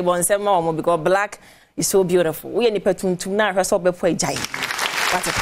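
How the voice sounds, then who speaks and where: A young adult woman with a Ghanaian accent hosting a morning show, chatting with callers and reading entertainment news. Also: fairly low pitch. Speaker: radio and TV show host. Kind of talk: casual morning show chat, switching between Twi and English.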